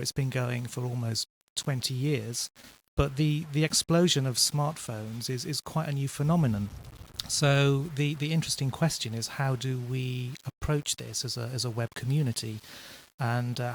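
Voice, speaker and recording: A man explaining web design as a radio guest, in a measured, explanatory way. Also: mid-range voice, a little hiss or hum. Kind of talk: explanatory interview answers.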